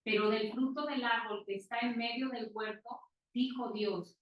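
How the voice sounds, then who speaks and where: A woman's voice: a little high, steady tone, moderate pace. Woman reading scripture in a roomy, dull recording. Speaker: scripture reader in Bible study.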